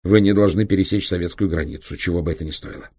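A man voicing a hoarse, frightened captive agent. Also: deep voice, quick pace, a little mellow, no room sound, clean studio sound. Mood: hasty. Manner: hasty, eager to cooperate. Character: hoarse captured male Soviet agent, frightened.

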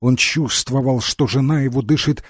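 A man narrating an audiobook in an expressive, dramatic reading. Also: mid-range voice, moderate pace, slightly rough, dry recording, clean studio sound. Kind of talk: scripted narration.

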